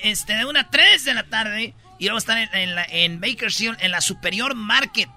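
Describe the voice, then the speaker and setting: High, lively Mexican radio host. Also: male voice. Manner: jokey, mimicking national accents, laughing. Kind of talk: comedic radio banter.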